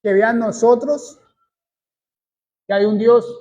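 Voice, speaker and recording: A man from Colombia preaches a sermon at an unhurried pace. His voice sits high yet sounds mellow and dark in tone. He stresses his points by repeating phrases deliberately. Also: fairly even intonation, highs cut off. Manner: slow, deliberate preaching with emphatic repetition.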